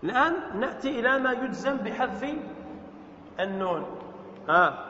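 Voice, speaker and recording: A man's voice: extremely high pitch, animated, moderate pace, bright, forceful tone, a little hiss or hum. A man teaching an Arabic grammar lesson as a sheikh, explaining step by step and quizzing his students with questions. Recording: echoey hall, dull lo-fi sound.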